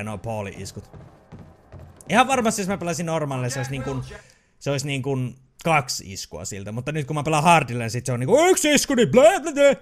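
A man's voice: medium pitch, fairly bright tone. A man giving frustrated live commentary over his own gameplay, swearing often and yelping at tense moments. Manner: frustrated, swearing, mixing English exclamations. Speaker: gaming video creator. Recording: game music behind the voice.

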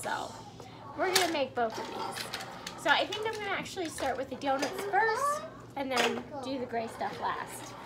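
Young woman, very high voice, informal home baking vlogger, loud kitchen noise behind her. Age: young adult. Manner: chatty, informal. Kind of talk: casual cooking demonstration. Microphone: camera a step or two away. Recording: noisy kitchen, clattering clicks.

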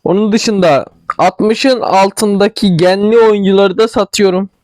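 Young man, regional Turkish dialect, high voice, dry close recording, casual game commentary, stumbles over words. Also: steady tone, measured pace, darkish tone, no room sound. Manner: chatty, thinking aloud, stumbles over words. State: tickly throat, clearing it. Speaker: gaming channel host.

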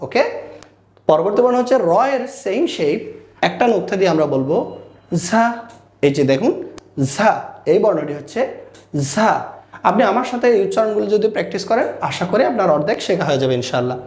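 A man teaching Quran recitation, patiently repeating each Arabic letter slowly and stretching the sounds out. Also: sits high, expressive, darkish tone, roomy sound. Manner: religious phrasing, often closes with a blessing.

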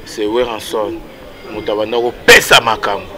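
Background noise surrounds this casual outdoor interview by a wall, where a man in his thirties with a Congolese accent speaks animatedly as the guest. His pitch is fairly low and his speed normal, and he gestures with his hands while blending Lingala and French.

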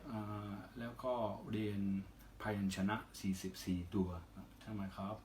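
Foreigner speaking careful, halting Thai, male. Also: lowish voice, fairly even intonation, darkish tone, slight background noise. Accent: foreign (Western) accent in Thai. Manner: careful non-native Thai in short halting phrases with polite particles. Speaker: interview guest, singer. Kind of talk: casual interview answers.

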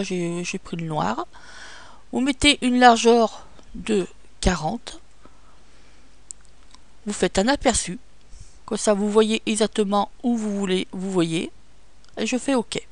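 A woman speaking walks through a photo-editing tutorial one step at a time, pausing often on fillers. Her mid-pitched voice has a gravelly fry, recorded close and dry with no room sound. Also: dry recording. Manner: step-by-step instructions with frequent fillers. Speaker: tutorial presenter. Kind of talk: screen-recorded software tutorial.

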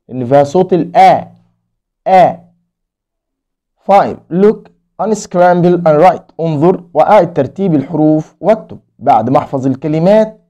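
A man's voice: a little high, mellow. A man with an Egyptian Arabic accent teaching English to young children, repeating each word and spelling it out letter by letter. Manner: drills words by repeating them and spelling them out letter by letter.

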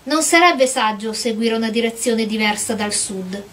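A woman reading aloud and voicing a polite, apologetic young girl in a storybook, in a gentle, earnest manner. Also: a little high, normal speed, lightly acted.

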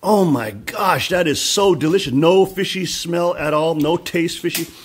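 This man's fairly high voice moves at a measured pace, though the audio is poor and carries slight background noise. Hosting an outdoor cooking vlog beside a frying pot, he narrates excitedly, whooping and exclaiming.

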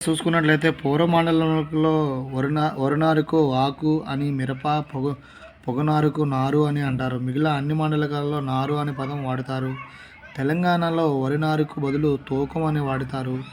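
A man's voice: a little high, little pitch movement, moderate pace. A man reads exam study notes in a slightly raised voice that stays level, with almost no rise and fall. He works through lists of word forms item by item and stops to restart when he slips. A light hiss of noise runs under him. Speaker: exam prep teacher. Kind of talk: reading study notes aloud.

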